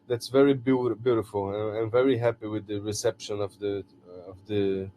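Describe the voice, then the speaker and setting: A man's voice: on the low side, fairly even intonation, moderate pace, dark tone, a little hiss or hum. A man from Brazil with a Brazilian Portuguese accent, a film director speaking English as a second language in an interview, often restarting and searching for words. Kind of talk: interview answers.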